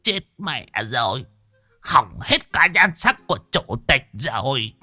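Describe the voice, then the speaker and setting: A man's voice: mid-range voice, very animated, takes it slowly, sharp tone, breathy edge, no echo, studio quality, soft background music, pitched above the performer's own voice, exaggerated voice. Man doing a coarse, cursing old village boss. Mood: grumbling. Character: old male village boss stung by bees.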